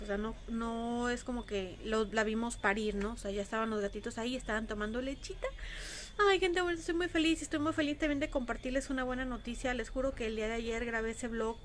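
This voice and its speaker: A woman's voice: on the high side, fairly bright tone, slight background noise. A young Mexican woman with a Mexican accent, vlogging in a chatty, casual way and repeating phrases for emphasis. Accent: Mexican Spanish. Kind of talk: casual vlog chat.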